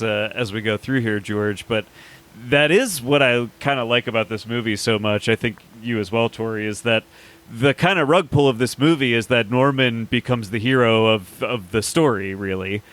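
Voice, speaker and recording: A man's voice: medium pitch, normal speed, fairly bright tone. A man hosting a horror film podcast, chatting casually and enthusiastically with frequent restarts and casual swearing. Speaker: podcast host.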